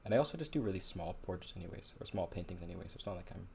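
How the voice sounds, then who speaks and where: A man with a very low voice talks loosely to his live audience as he paints, thinking out loud and poking fun at himself. A faint hiss of background noise sits under his voice. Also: expressive, rapid-fire, gravelly. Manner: rambling, musing aloud, self-deprecating. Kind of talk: casual livestream chat while painting.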